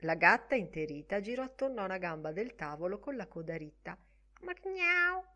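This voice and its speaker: A woman narrating a literary audiobook expressively, often dropping her voice to a soft hush. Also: lowish voice, animated, fast. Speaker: audiobook reader.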